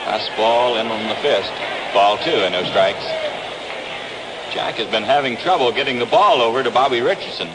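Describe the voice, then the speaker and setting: An American announcer with a mid-range voice and moderate pace gives baseball play-by-play from an outdoor ballpark. The style is that of 1960s sports radio, and the 1962 vintage broadcast is noisy.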